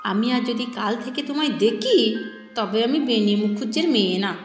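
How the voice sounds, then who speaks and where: A woman voicing a sharp-tongued housewife who scolds in a shrill, scornful voice. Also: steady tone, takes it slowly. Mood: scolding, scornful. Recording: echoey hall with faint music.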